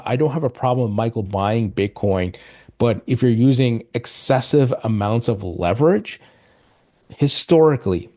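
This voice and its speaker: A man's voice: medium pitch, warm tone. A man hosting a crypto news show, talking casually and upbeat to his viewers and often calling them "guys". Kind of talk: casual commentary to camera.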